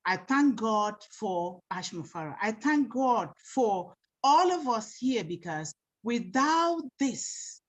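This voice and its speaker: A woman's voice: fairly high pitch, big pitch swings, slow pace, hardly any pauses. A woman from Samoa giving an earnest, heartfelt speech on a video call. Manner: earnest, quoting scripture. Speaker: meeting participant. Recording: muffled lo-fi call audio.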